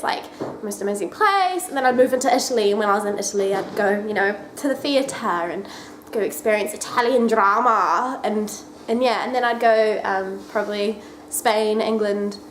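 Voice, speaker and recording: A woman's voice: mid-range voice, moderate pace. A woman in her twenties with a New Zealand accent, chatting casually to camera as she answers questions, rambling with lots of ums and restarts. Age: 20s. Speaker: vlogger. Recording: echoey room, faint ambient noise.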